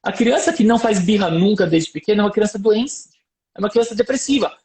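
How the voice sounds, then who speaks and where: A Brazilian man, a doctor, giving parenting advice on a live stream in a lively, explaining way with anecdotes. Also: high voice, quick pace, roomy sound. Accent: Brazilian Portuguese. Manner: lively explaining, tells anecdotes, asks "percebe?".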